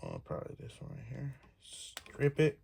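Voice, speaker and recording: This DIY host's mid-range voice swoops wildly in pitch and sounds a little mellow as he explains each step of his hands-on work at a moderate pace. The talk is casual. The recording is clear but has background noise and clicks.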